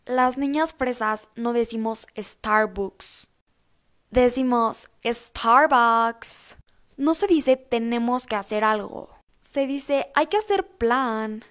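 A woman doing a prissy girl. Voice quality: high airy affected drawl, stretched words. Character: posh upper-class Mexican girl, prissy and affected. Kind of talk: comedy sketch.

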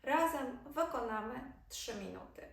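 A woman teaching kundalini yoga, calmly guiding a meditation and chanting mantras. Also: high-pitched, gravelly. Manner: slow, calm, soothing guidance with chanted mantras. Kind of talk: guided meditation instruction. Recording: echoey room, voice a bit far from mic.

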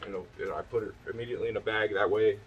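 A man's voice: fairly low pitch, steady tone, very fast, far from the mic, muffled recording, a little hiss or hum. Rambling man on a back porch, mic set back. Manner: rambling, lots of fillers and restarts. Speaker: thrift reseller showing his finds. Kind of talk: casual vlog show-and-tell. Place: back porch outdoors at night.

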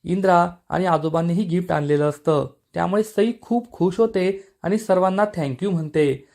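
A man with a somewhat raised pitch delivers a scripted recap narration of a TV serial. He tells the story in a steady, even manner and reads out each quoted line plainly. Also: moderate pace, creaky.

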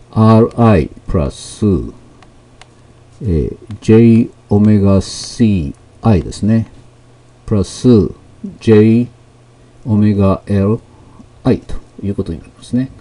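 A man gives a math lesson in a fairly low, warm, mellow voice. He explains slowly and patiently, pausing often with fillers between terms. His first language is Japanese. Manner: slow, explanatory, with many fillers and pauses. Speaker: math teacher. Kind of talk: lecture explaining technical English terms.

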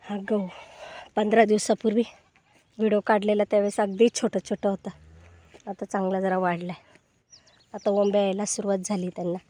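A woman's voice: medium pitch, little pitch movement, a little fast, pauses often. A woman vlogging outdoors on her farm, chatting casually as she walks around with a phone camera. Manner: chatty, gets loud and coaxing when feeding goats. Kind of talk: casual walk-through narration.

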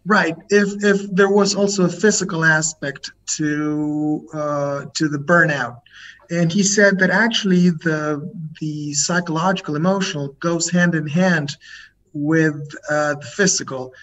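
A man giving a translation voice-over of an interview. He relays the guest's answers in the third person, measured and searching for words as he goes. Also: a little high, fairly even intonation, fairly bright tone, rough recording.

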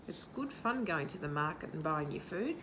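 A woman in her sixties, hosting children's storytime, reads a picture book to young kids on an outdoor garden patio. She's animated and sing-song, asking the listener questions, in a low voice at a moderate pace. A camera a short distance away picks up a noisy background.

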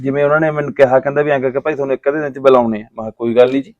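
A man's voice: medium pitch, rapid-fire, dry recording, lo-fi sound, close to an everyday voice. An actor playing a talkative rural man, aggrieved over a family land quarrel. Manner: talkative, retells what others said in animated quoted voices. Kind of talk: rustic village drama acting.

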